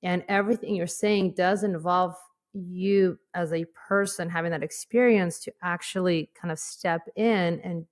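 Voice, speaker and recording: A woman hosts a podcast interview, warmly affirming what her guest says before she asks the next question. Her voice sits somewhat low for a woman. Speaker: podcast host. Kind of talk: interview conversation.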